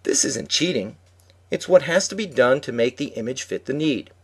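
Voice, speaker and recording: A man's voice: medium pitch, animated, normal speed, breathy edge. Instructive male podcast co-host. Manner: instructive, reads a prepared script. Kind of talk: scripted podcast narration.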